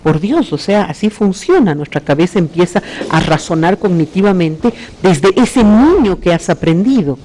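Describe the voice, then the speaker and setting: High-voiced, animated male TV host. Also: moderate pace, few pauses, slight background noise, poor audio. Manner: animated, exclaims, asks leading questions. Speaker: talk show host. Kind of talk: interviewing on a TV talk show.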